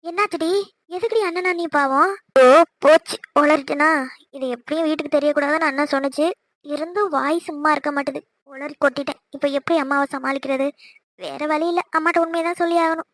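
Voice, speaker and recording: A woman voicing a cheeky young daughter in a cartoon, quick, pleading and exasperated. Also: high-pitched, steady tone, a bit bright, no echo. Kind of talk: cartoon voice acting.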